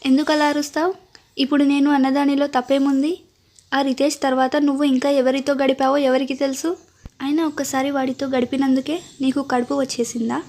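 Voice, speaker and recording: A woman's voice: high-pitched, level tone, a little fast, darkish tone. A woman voicing a scheming, greedy young male villain in a storybook reading, sneering and taunting.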